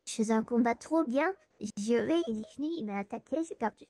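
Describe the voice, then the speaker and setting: A man putting on a higher, quick, complaining voice for a young fighter who feels cheated out of his fight. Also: darkish tone, no room sound. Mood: whiny.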